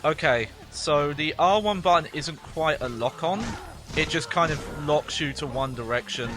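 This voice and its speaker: A man's voice: a little high, unhurried, over music. A man hosting a gaming playthrough, thinking aloud in a rambling, amused, casual way. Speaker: gaming video host.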